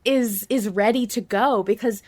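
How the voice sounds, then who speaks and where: A woman with a fairly high voice hosts a podcast at a moderate pace. She chats casually about an audio drama she follows as a fan, her thoughts earnest, emphatic and running on.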